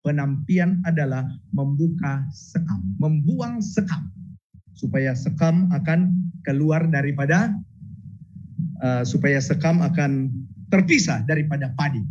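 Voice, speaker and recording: A male evangelist delivers a sermon in a notably high voice with a husky edge. He speaks emphatically, repeating phrases as he addresses his congregation. The recording is somewhat dull and lo-fi. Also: unhurried, a little mellow. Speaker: evangelist preacher. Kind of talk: sermon with scripture reading. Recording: dull lo-fi sound.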